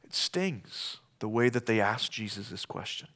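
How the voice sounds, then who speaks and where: A middle-aged male pastor preaching a sermon, shifting between hushed storytelling and loud, impassioned outbursts. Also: lowish voice, expressive, a little slow.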